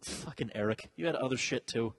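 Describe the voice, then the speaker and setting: A man's voice: mid-range voice, fairly quick. A man co-hosting a podcast, bantering casually and crudely, swearing freely as he jokes. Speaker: podcast co-host.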